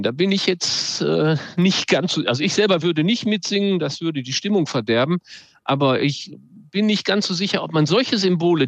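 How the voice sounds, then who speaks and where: Brief: male expert guest, reflective and measured, a bit high-pitched, dry sound. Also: no room sound. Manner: measured, reflective, hesitant at times. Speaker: expert guest, social psychologist. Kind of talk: thoughtful radio discussion.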